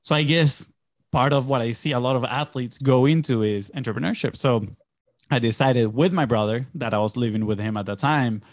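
In a casual podcast interview, a young Venezuelan entrepreneur speaks fairly quickly at a medium pitch with no room sound. He's upbeat, spinning loose stories packed with fillers.

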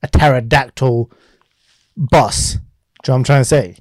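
A man's voice: medium pitch, steady tone, normal speed, darkish tone, no room sound. Laddish, boastful young British man bantering. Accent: southern English urban slang. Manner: laddish, boastful storytelling with slangy bro talk. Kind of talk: casual banter with a friend.

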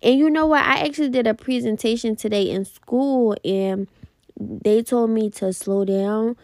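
Young woman with a gravelly, fast, slangy voice. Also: a little high, a little mellow, no echo. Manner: fast, repetitive, passionate, slangy. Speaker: podcast host. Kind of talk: casual motivational podcast.

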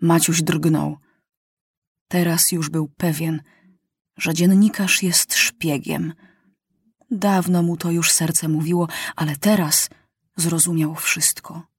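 A woman narrates a story in a measured, expressive audiobook reading. Her pace is slow and her voice has a soft breathiness. The recording is close and dry. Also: on the low side, slightly rough, no room sound.

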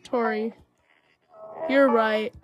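A woman's voice: fairly high pitch, fairly even intonation, extremely slow. A woman voicing a sad, meek male monster king who talks in an apologetic way. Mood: remorseful.

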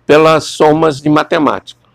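A man's voice: a little high, flat delivery, moderate pace, gravelly, no room sound. A man giving a classroom lecture, rambling and repeating words as he questions his students.

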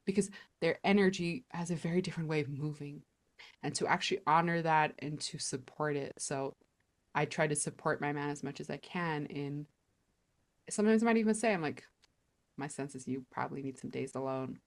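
Woman guest, low-pitched, earnest explainer on a podcast interview. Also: brisk. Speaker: podcast guest, polarity teacher.

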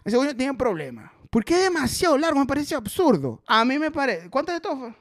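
A comedian from Maracaibo talking in a casual, joking way, with a Maracaibo Venezuelan Spanish accent and lots of swearing. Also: male voice, very high voice, fairly quick, dry recording. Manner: animated, joking, swears freely. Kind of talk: casual comic chat.

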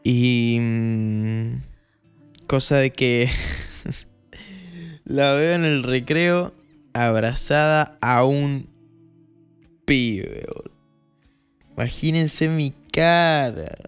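A young man with an Argentine Spanish accent telling a casual storytime monologue, acting out the scenes with lively jumps in his voice. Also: drawn-out words, pauses often, clear, resonant tone, faint music behind. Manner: animated, acts out scenes with rising pitch.

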